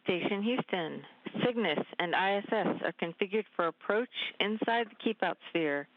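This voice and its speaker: Measured woman on a mission radio loop. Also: mid-range voice, animated, no room sound. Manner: clear, measured, scripted callouts. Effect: mission control radio loop. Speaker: capsule communicator in mission control. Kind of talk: procedural radio calls. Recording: dry, dull radio loop audio.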